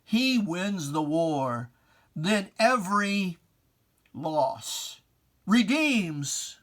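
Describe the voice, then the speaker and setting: In a slow, theatrical voice, this reader declaims solemn verse at a medium pitch with big swings in pitch. The scripted delivery is emphatic and marked by deliberate pauses, using archaic, preacherly diction to address a foe directly as dramatic poetry.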